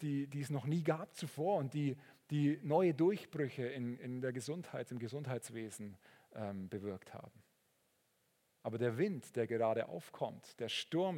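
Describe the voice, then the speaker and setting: A man preaching a sermon, earnest and sometimes rising into excited storytelling. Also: medium pitch. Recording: long reverb of a large hall.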